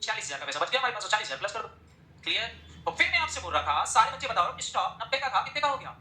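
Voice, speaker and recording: A male teacher giving a classroom lecture, firing quick questions at his students and pushing them to answer. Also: sits high, sing-song, sharp tone, slight background noise. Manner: drills the class with rapid-fire questions. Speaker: accounting teacher. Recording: echoey room.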